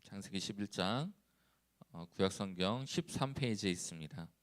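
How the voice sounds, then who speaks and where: A man who is a church evangelist, leading a responsive scripture reading and then preaching calmly with frequent hesitations. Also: fairly low pitch. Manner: calm, unhurried, with frequent hesitations.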